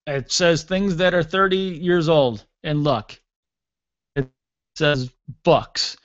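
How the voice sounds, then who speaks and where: A man's voice: fairly high pitch, slow, fairly bright tone, dry recording, highs cut off. A middle-aged man hosting a radio show, delivering a sarcastic, mocking comedic rant on his own.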